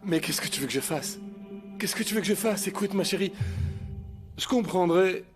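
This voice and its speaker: A man's voice: high voice, normal speed, music in the background, lightly acted. A man dubbing a desperate policeman father in a telenovela, anguished and pleading. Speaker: policeman father of a missing son. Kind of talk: dubbed telenovela acting.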